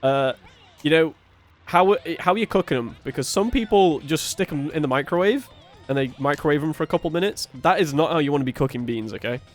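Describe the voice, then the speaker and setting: A man co-hosting a casual game playthrough, telling stories in an animated way, swearing, laughing and often tripping over his words. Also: fairly high pitch, fairly quick, faint music behind. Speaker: co-host of a gaming playthrough. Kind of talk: casual chat over gameplay.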